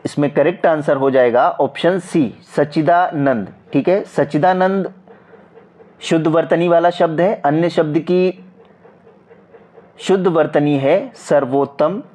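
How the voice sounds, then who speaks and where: With a Hindi accent and a slightly high, darkish voice, a man coaching students walks through exam practice questions at a slow, repetitive pace, often checking in with his viewers.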